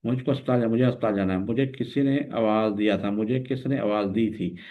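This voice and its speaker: A man gives a classroom-style grammar lesson in a fairly low voice. He works patiently through corrections, saying the wrong form and then the right one. The sound is thin and tinny, like a phone line. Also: brisk. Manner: explains patiently, repeating wrong and right versions. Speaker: teacher.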